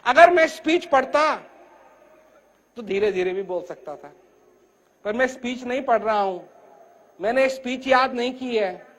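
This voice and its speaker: An older man giving an emphatic spiritual discourse, speaking loudly and from the heart, his voice rising and falling. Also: expressive, measured pace, long pauses. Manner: rises and falls in pitch and loudness. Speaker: spiritual teacher.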